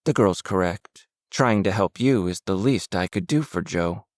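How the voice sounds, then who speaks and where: A man reading the lines of an aloof, wealthy woman medium in an audiobook, in a measured, cool and slightly haughty way. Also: low voice, no echo, studio quality.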